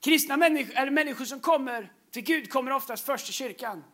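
High-pitched male preacher, animated storyteller, stumbles through fillers and laughs mid-sermon. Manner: animated, breaks into laughter, frequent fillers and repeated words. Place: large church stage.

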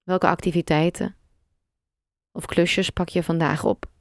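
In a somewhat low, gravelly voice, a woman leads a meditation, gentle and calm, with long pauses between brief phrases. The recording is dry and close, with almost no room sound.

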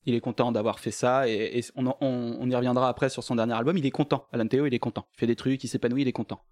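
A man's voice: mid-range voice, steady tone, rapid-fire, darkish tone. A man co-hosting a casual podcast chat, talking in a dry, sarcastic way. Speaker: podcast co-host.

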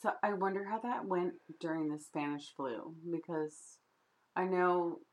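A woman with a notably low voice co-hosts a relaxed podcast chat. She talks in a playful, giggly way, full of "like" and "you know". She laughs easily. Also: unhurried, poor audio. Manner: giggly, playful, chatty with many fillers. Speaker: podcast co-host. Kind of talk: casual chat.

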